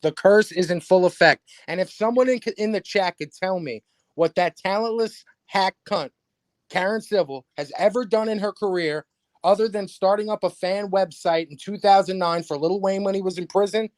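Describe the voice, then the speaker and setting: A man's voice: high voice, moderate pace, no echo, clean studio sound. A man with a New York accent hosting a podcast, ranting sarcastically and profanely in casual chat. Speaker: podcast host. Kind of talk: casual livestream podcast rant.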